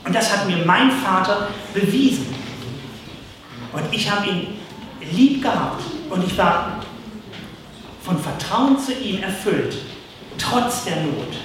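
A man preaches with earnest emphasis, slowing down to repeat his key lines. His fairly high voice rings through a very echoey hall. He sounds set back from the microphone, as if caught by a room mic in a church. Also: expressive, a bit bright, a little hiss or hum. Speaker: pastor. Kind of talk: sermon. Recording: echoey distant hall recording.

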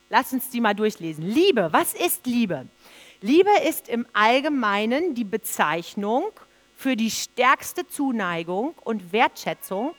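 A woman's voice: on the high side, fairly bright tone. A woman preaching a sermon, earnest and emphatic, repeating phrases for stress.

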